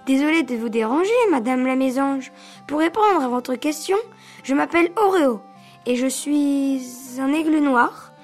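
A woman's voice: sits high, a little slow, soft background music. A woman voicing an eager, determined young male eagle in a storybook, spirited and exclaiming. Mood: earnest. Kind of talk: storybook voice acting.

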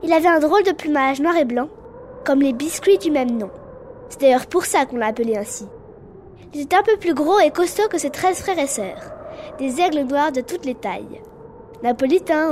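High-voiced woman narrating a storybook. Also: a little mellow, a little hiss or hum.

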